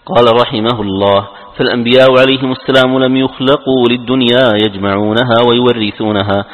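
Fast male reader in a reverberant hall. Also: medium pitch, fairly even intonation. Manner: reads quickly, slows on quoted verses. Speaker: student reading the text aloud. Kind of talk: formal reading of a classical text. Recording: dull lo-fi sound with long reverb.

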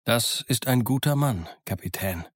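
A level-headed ship's doctor, read by a man narrating the book, speaks in a calm, measured tone, barely apart from the reader's own voice. The recording is close and dry. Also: medium pitch, no room sound.

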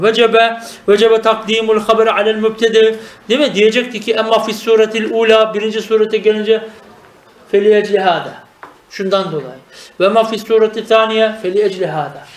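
A man's voice: sits high, roomy sound. A man teaching Arabic grammar in a traditional lesson, asking questions and answering them himself. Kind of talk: traditional madrasa-style lesson.

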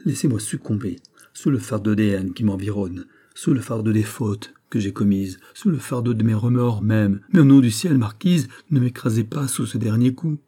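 A man's voice: on the low side, normal speed, mellow, husky. A man doing an anguished, imploring nobleman. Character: anguished nobleman, a proud minister. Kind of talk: audiobook reading of a classic novel.

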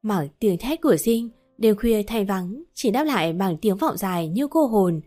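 A woman narrating a ghost story in a steady storytelling voice. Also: medium pitch, normal speed, soft background music.

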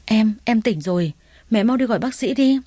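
Casting: a woman reading as a young husband, fretful and short-tempered, mellow low-key tone, dry and close. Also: a little fast, no room sound, lightly acted. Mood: anxious. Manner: urgent, agitated outbursts.

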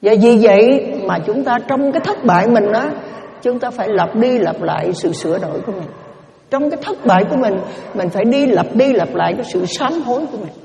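A woman's voice: a little high, lively intonation, brisk, vocal fry, long reverb tail, a crowd in the background. A woman, a Buddhist nun, giving a dharma talk as a sermon, with an earnest, repetitive teaching cadence.

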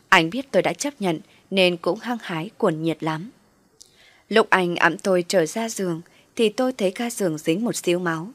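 Woman reading a story, low voice, dry close sound. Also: a bit bright, no room sound. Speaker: story narrator. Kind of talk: first-person story reading.

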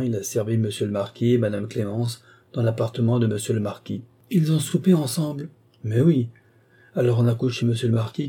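A man's voice: medium pitch, mellow, breathy edge, lightly acted. A man voicing a chatty old female country servant, telling her story in a breathless, exclamatory way, for an audiobook.

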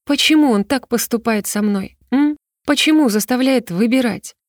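A woman's voice: on the high side, moderate pace, no room sound, studio quality, pitched above the performer's own voice, natural voice. A woman voicing a tipsy, sulky young woman who talks in a pouty, petulant way.

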